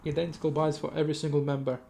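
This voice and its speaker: Guy casting a live esports match, fast play-by-play, kinda high voice, keeps correcting himself. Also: vocal fry. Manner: rapid, self-correcting, chatty asides, sudden excited outbursts. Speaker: esports caster.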